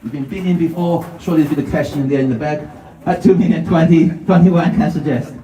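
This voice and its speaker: A man whose warm voice sits on the high side calls bids at a quick pace during a live property auction before a crowd of buyers. As a real estate auctioneer, he plays the showman, repeating short phrases. The audio is echoey and distant.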